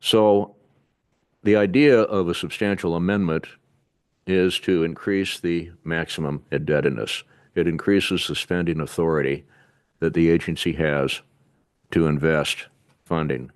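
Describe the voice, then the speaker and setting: Very deep-voiced man giving a measured briefing. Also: fairly even intonation, no echo, clean studio sound. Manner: measured and methodical, with occasional halting restarts. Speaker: city staff presenter to an urban renewal board. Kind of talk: explanatory briefing at a public board meeting. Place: city board meeting room.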